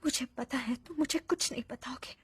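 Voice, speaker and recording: An earnest young heroine in an animated film dub. Her voice sits high and light, and she speaks in quick, flustered bursts with stammered starts. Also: husky. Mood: subdued. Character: earnest young woman, Sayako. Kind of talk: Hindi anime film dub.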